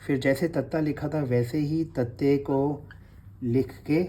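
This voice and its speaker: A man's voice: a little high, steady tone, measured pace, mellow, a little hiss or hum. A man, teaching Gurmukhi letters in a revision class and patiently repeating each sound.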